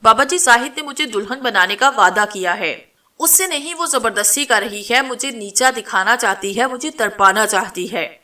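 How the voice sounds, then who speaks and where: A woman's voice: fairly high pitch, bright, forceful tone. A woman voicing a lovesick, desperate young snake-woman in a spoken horror story, pleading tearfully.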